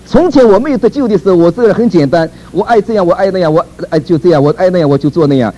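A man's voice: sits high, animated, very fast, mellow, low-quality recording. A man preaching a sermon in a conversational way, asking rhetorical questions, chuckling and repeating words.

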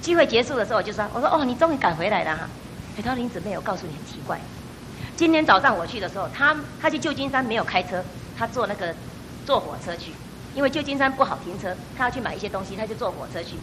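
A middle-aged woman giving a personal church testimony, telling her story with animated storytelling and acting out the voices she quotes. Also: mid-range voice, fast, background noise.

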